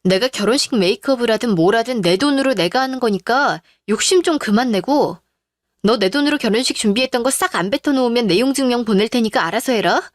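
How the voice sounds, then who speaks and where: Cold, firm young business owner, a woman voicing her, slightly high pitch. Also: lively intonation, quick pace, no echo, clean studio sound, close to an everyday voice. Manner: curt, scolding. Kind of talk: Korean radio drama.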